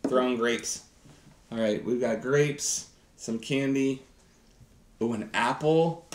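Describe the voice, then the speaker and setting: A man's voice: mid-range voice, slow, a little hiss or hum. A man in his thirties doing a chatty, enthusiastic live science demonstration, talking directly to viewers. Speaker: science teacher host. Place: home kitchen set, indoors. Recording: roomy kitchen echo.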